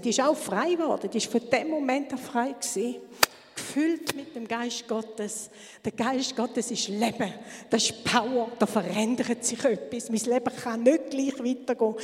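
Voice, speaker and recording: A woman speaks fervently in a church testimony, her voice sitting a little high. She sometimes drops to a hushed whisper for emphasis. Her words ring out with a long reverb through a hall.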